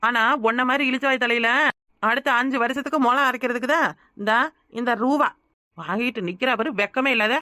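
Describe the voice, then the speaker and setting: A woman voicing an outspoken young village woman in a cartoon, with a southern Tamil Nadu rural accent, who shouts and scolds. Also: a little high, a little fast, no echo, clean studio sound. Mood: mocking. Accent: southern Tamil Nadu rural dialect. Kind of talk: cartoon voice acting.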